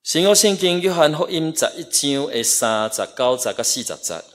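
A man preaching a sermon in a church hall, pausing for an interpreter and rising to emphatic peaks. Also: a little high, expressive, a bit bright.

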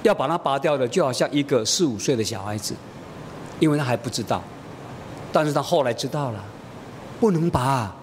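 A man's voice: animated, fairly quick. A man preaching a sermon as a pastor, telling a family story and acting out the dialogue. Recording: echoey hall, faint rumble.

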